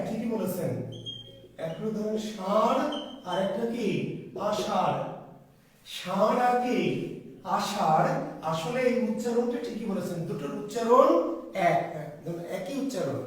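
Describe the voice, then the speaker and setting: A man's voice: sits high, expressive, a little slow, pauses often, slight background noise. A man teaching a grammar lesson to a class, asking questions and answering them himself. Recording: echoey room from far off.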